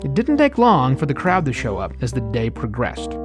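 Over background theme music, a travel podcast co-host narrates with dry, wry humor. His voice sits at medium pitch with huge pitch swings, delivered at a normal speed.

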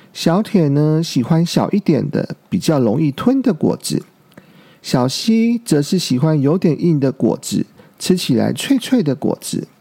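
Brief: tender dinosaur dad from a storybook, slow, dark gravelly voice, soothing, a man acting it. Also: a little high, full character voice. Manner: soothing, fatherly. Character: doting father tyrannosaurus, gentle and caring.

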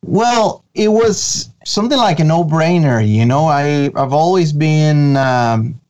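A man's voice: fairly high pitch, lively intonation, takes it slowly, a little mellow. Man, eager and lo-fi. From Venezuela. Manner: enthusiastic, many fillers and restarts. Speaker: guest, creative director of an animation studio. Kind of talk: casual interview.

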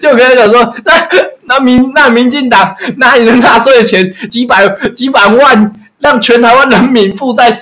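A man's voice: extremely high pitch, steady tone, normal speed, few pauses, bright, forceful tone. A young man with a Taiwanese Mandarin accent co-hosting a casual podcast, teasing, telling stories and laughing often. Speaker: podcast co-host. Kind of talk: casual chat.

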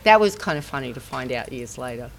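A woman's voice: rumbling low, expressive, fast talker, a crowd in the background. A mature woman, reminiscing casually in an interview as a former athlete. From Brisbane, Australia. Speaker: former professional triathlete, interviewee.

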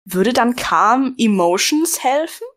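A woman's voice: on the high side, expressive, slow pace. A woman playing a tabletop game, blunt and full of questions. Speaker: player. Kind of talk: casual tabletop play.

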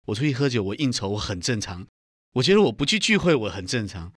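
A man's voice: mid-range voice, very animated, fast talker, fairly bright tone, no room sound, studio quality. A middle-aged man earnestly telling his personal testimony in an interview. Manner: earnest storytelling, acts out quoted voices. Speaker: guest giving testimony.

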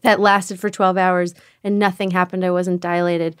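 A woman telling a personal story as a podcast guest, candid and animated, acting out what others said. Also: on the low side, moderate pace, clear, resonant tone, no echo, clean studio sound. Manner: candid, animated retelling with quoted voices.

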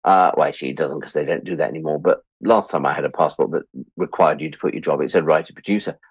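A bass voice with a breathy edge talks fast, heard with no echo. The speaker, a sixty-something British writer-producer, is an interview guest whose animated storytelling is chatty and self-deprecating, peppered with acted-out dialogue.

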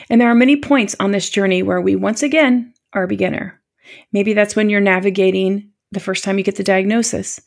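Woman, 50s, podcast host. Gentle and encouraging, a touch of vocal fry in a mid-pitched voice. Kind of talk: warm solo podcast talk.

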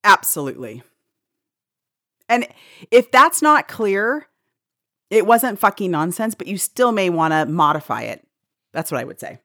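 A middle-aged woman co-hosting a casual podcast chat, animated, laughing a lot and swearing freely. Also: mid-range voice, measured pace, pauses often, dry recording, clean studio sound. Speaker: co-host.

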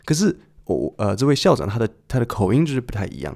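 A man's voice: medium pitch, big pitch swings, fast talker, vocal fry, dark tone. A man hosting a podcast listening lesson, patiently explaining and asking the listener questions in a conversational way. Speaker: podcast host and English listening teacher.

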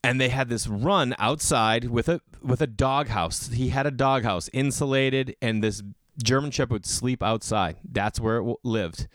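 Recording a solo podcast in a garage, a man rants casually with strong opinions, blunt and emphatic, throwing in bro slang and swearing while asking himself rhetorical questions and answering them. His voice is medium-pitched at a normal speed, with no room sound.

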